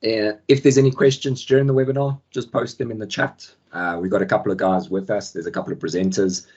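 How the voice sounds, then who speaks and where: Croaky from the flu, a product manager with a deep, husky voice hosts a casual software webinar over a video call. He talks fast and relaxed, full of ums and friendly filler, and the call mic makes him sound muffled.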